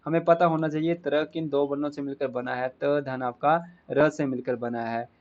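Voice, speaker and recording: A man's voice: a little high, a little mellow, highs cut off. Man teaching a grammar lesson, questioning. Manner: explains step by step with many rhetorical questions. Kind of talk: exam-prep grammar lesson.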